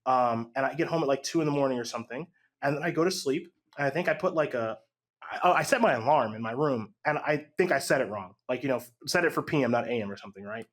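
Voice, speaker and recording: A man casually telling a long gaming story on a podcast, lively and acting out the voices of the people in it. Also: medium pitch, fast talker. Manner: animated, acts out quotes with voice jumps.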